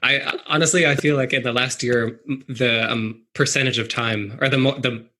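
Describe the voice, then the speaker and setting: A soft-spoken man hosting a podcast interview, chatting in a friendly, halting way. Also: medium pitch, fairly even intonation, slight background noise. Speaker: podcast host. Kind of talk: casual interview chat.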